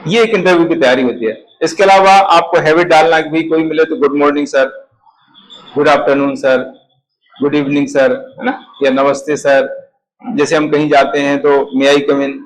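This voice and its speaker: A man's voice: on the high side, rough recording. A middle-aged man, lecturing as an interview coach and often asking for agreement. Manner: explanatory, repeats "है ना?" for agreement. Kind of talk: classroom lecture.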